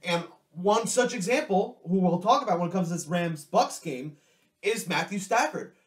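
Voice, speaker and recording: A man's voice: high-pitched, animated, moderate pace. A man co-hosting a casual sports podcast, conversational and opinionated. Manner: conversational, opinionated, hot takes. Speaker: podcast co-host. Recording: echoey room, distant from mic.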